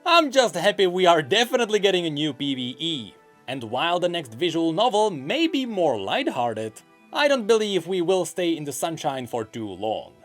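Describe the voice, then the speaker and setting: A man hosts a gaming news show, reading scripted narration at normal speed with a slightly bright voice on the high side. His pitch swings widely, with stretched, swooping emphatic stresses. Background music plays behind him.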